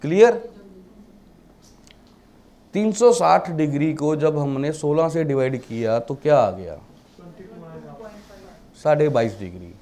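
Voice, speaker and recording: A man's voice: a little high, expressive, takes it slowly, pauses often, dark tone. A man teaching a class, mixing English terms into his Hindi and asking the class rhetorical questions. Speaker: vastu teacher. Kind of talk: classroom lecture.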